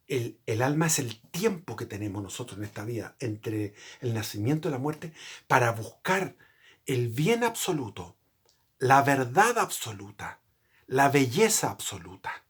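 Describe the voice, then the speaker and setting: A man with a husky, somewhat breathy voice speaks at an ordinary middle pitch. He explains a religious subject in an earnest, unscripted way, wandering off on tangents and often correcting himself mid-thought. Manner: rambling, with frequent restarts and self-corrections. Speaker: channel host.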